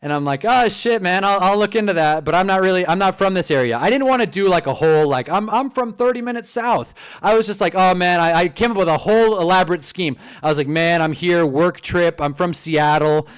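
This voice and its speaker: He's a streamer host in his twenties, Californian-accented and from Southern California, casually telling animated stories laced with swearing. His high voice runs a little fast, clear and resonant, with hardly any pauses.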